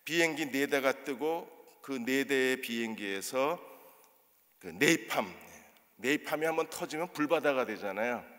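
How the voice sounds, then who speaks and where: A male pastor preaching a sermon to his congregation, animated and throwing rhetorical questions to them. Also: fairly high pitch. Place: church sanctuary. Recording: long church reverb.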